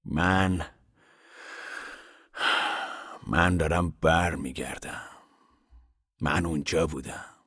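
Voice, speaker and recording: A man voicing a bitter, ragged older drifter who talks slowly, quietly and slyly in an audiobook reading. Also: deep voice, no room sound, studio quality. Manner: slow, quiet, drawn-out, sly.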